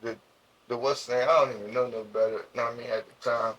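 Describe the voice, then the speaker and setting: A young man from Jersey City with a New Jersey accent, telling his story as an interview guest in slangy, halting speech full of restarts. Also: medium pitch, steady tone, a bit bright, breathy edge, low-quality recording. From Jersey City, USA.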